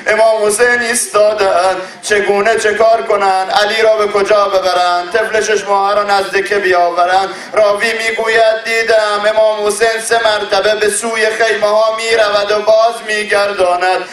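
A man's voice: high voice, little pitch movement, few pauses, a bit bright. A man narrating a mourning sermon with impassioned storytelling and lamenting recitation. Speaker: mourning preacher. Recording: echoey hall from far off.

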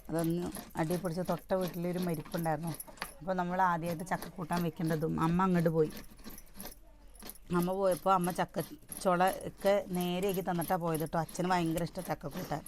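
A woman's voice: on the low side, slight background noise. A woman chatting casually to viewers in a home cooking vlog, talking through a sore throat. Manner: chatty, addresses viewers directly. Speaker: cooking vlogger.

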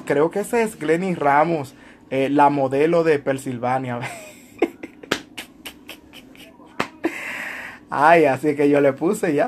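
A man's voice: a little high, a little hiss or hum. A man hosting a casual show, reading viewer comments in a playful, laughing, theatrical way. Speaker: show host and moderator.

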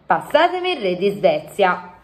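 A woman voicing a dignified, polite queen who asks measured questions and gives calm orders. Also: medium pitch.

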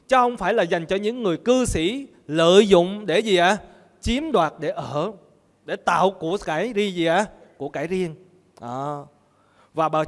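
High-voiced male monk preaching in a hall. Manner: asks the audience questions and answers them himself. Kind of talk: sermon with call-and-response questions.

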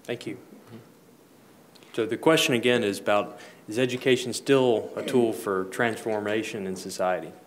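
A man moderating a panel discussion from a podium, measured and formal in a conference room. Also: on the low side, steady tone, slight background noise. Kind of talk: moderating a panel, reading quotes. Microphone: podium microphone.

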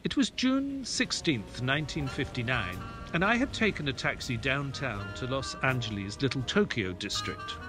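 An actor as Doctor Watson, animated storytelling gentleman. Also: mid-range voice, normal speed, few pauses, music in the background, lightly acted, poor audio. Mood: reflective. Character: mild, earnest doctor narrating his detective tale. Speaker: narrator and character in an audio play. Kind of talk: dramatic first-person audio play narration.

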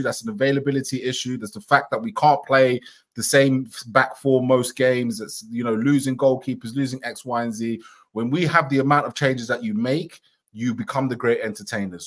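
A man co-hosting a casual football chat over a video call, steady and building his arguments in lists. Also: medium pitch. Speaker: co-host. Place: home room, video call.

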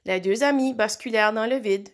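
Expressive woman reading a children's story. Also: a little high. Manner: expressive, with slow dramatic pauses. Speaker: storybook reader. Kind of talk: children's story read aloud.

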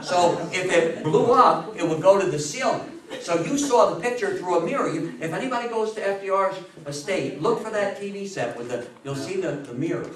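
An older man delivers an informal history lecture in a meeting room before a seated audience, an animated storyteller who repeats phrases and fields questions. His voice is high-pitched and moves at normal speed with hardly any pauses. A far camera microphone captures roomy echo and background crowd noise.

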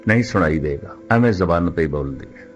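A man preaching a Sikh sermon who poses rhetorical questions and slows right down to recite scripture lines. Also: sits low, expressive, muffled recording, soft background music. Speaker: Sikh preacher giving katha.

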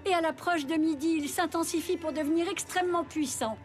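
Haughty celestial princess for a cartoon: high, stern, formally disdainful. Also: female voice, a little fast, faint music behind. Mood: stern, questioning. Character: haughty winged archangel in a princess's body. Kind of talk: French anime dub.

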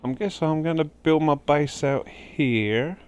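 A man's voice: a little high, a little slow, clear, resonant tone. A man giving casual let's-play commentary as he plays, chatting to the game's creatures. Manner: chatty, talks to game creatures while playing. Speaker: gaming livestreamer.

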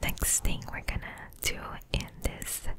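A young woman whispering softly and slowly in ASMR style, very close to the microphone, as if right at the ear. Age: young adult. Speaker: ASMR video creator, nurse. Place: indoor room at home. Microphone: desk microphone very close to the mouth.

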